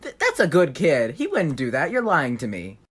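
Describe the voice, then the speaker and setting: A woman's voice: low voice, huge pitch swings, normal speed, breathy edge, exaggerated voice. A woman voicing a firm, trusting school bus driver during a casual storytime. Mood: stern.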